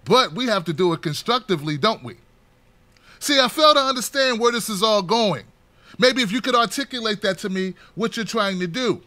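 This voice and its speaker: A man giving an unscripted political commentary, talking straight to the camera, impassioned and preachy, building to near-shouts. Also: high voice, expressive, normal speed, no echo.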